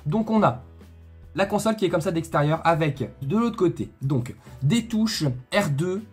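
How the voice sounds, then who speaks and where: A man runs a casual unboxing vlog, talking to his viewers in a slightly high, husky voice. He rambles cheerfully, repeats phrases and throws in little jokes. Soft music plays faintly behind him. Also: lively intonation, normal speed. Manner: chatty, repeats himself, joking asides to viewers. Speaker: tech video host.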